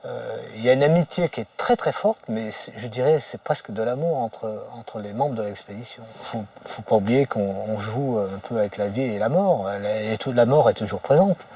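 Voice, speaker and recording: A husky-voiced man speaks reflectively in an informal documentary interview. He halts and repeats himself while searching for words. His pitch is average and he sits a little off the microphone. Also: normal speed, hardly any pauses, a little mellow, dry recording. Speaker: expedition member interviewed for a documentary. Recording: slightly distant microphone.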